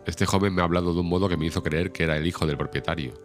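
A man's voice: low-pitched, steady tone, rapid-fire, natural voice. A man reading the part of a headstrong, spoiled thirteen-year-old girl, imperious and petulant. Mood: indignant. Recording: music behind the reading.

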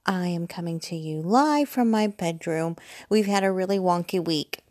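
An American woman vlogger in her forties chats casually from her bed at home, rambling and digressing in a self-deprecating way. Her voice is fairly low and a little mellow at a moderate pace, in a dry recording with clean studio sound.

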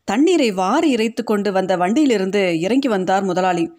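A woman narrating a short story in an audiobook, reading in a steady, measured way. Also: medium pitch.

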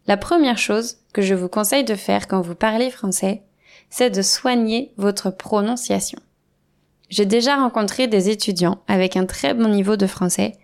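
A French teacher, a woman, giving a scripted lesson with clear, deliberate explanations and spoken examples. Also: medium pitch, a little mellow.

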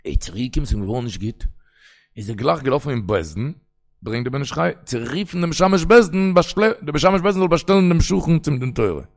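Gravelly-voiced rabbi preaching in Yiddish. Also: male voice, fairly high pitch, animated, a little fast. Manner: rambling, storytelling, quoting sources in a singsong. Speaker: rabbi giving a Torah talk. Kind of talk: Yiddish sermon on the weekly portion.

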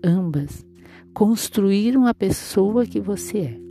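A woman leading a guided relaxation meditation in a soothing, unhurried, instructing way. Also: mid-range voice, expressive, mellow. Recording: music playing behind the voice. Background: instrumental music.

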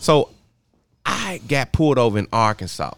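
Lively profane podcast host, a man. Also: mid-range voice, moderate pace, smooth, no echo. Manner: profane, animated storyteller. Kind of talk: casual podcast chat.

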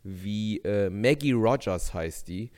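Male comedy podcast co-host, lively swinging pitch, casual eager chat. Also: slow. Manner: animated, eager reactions.

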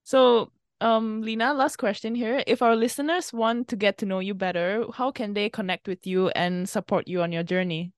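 A young woman hosting a podcast interview over a video call, chatty and quick to laugh. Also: mid-range voice, fairly even intonation, clean tone, no room sound, studio quality. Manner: warm-hearted, giggly, chatty. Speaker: podcast host. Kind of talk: casual interview chat.

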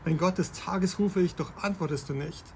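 A man with a high voice hosts a podcast, walking through Bible passages step by step in a conversational style and posing questions to his listener. He talks at a normal speed, his tone a little mellow, with a slight hiss or hum on the recording.

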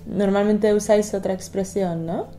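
A woman's voice: mid-range voice, fairly even intonation, moderate pace, warm tone. A woman co-hosting a bilingual language lesson, playfully asking how to say things and laughing easily. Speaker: co-host asking questions.

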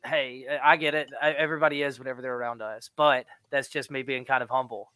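A man's voice: medium pitch, fairly even intonation, fast, pushed and bright, clear, resonant tone, no room sound. A man, a wrestler on a podcast, joking and defensive in banter. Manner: joking, defensive, laughs often. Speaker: pro wrestler, podcast co-host.

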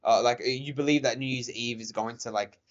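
A man's voice: mid-range voice, fairly even intonation, brisk. Laid-back young man chatting outdoors. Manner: laid-back, laughing, many fillers. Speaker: podcast co-host. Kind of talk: casual chat over a game. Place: outdoors in a neighborhood. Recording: slightly dull audio.

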